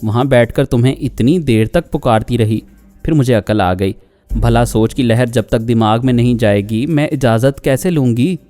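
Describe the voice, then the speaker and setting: A man's voice: mid-range voice, normal speed, dark tone, faint music behind, natural voice. A man voicing a naive, childlike young woman who pleads artlessly in a storybook reading. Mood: childlike, pleading.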